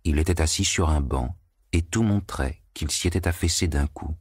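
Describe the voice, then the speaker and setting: Deep, husky audiobook narrator. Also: male voice, dry recording, clean studio sound. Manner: measured, evenly phrased reading.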